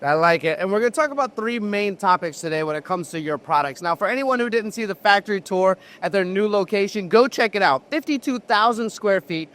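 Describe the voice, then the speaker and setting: A man's voice: sits high, animated, brisk, few pauses, a bit bright. A man hosting as a factory tour guide, presenting to the audience and interviewing on location. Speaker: host of a factory tour video.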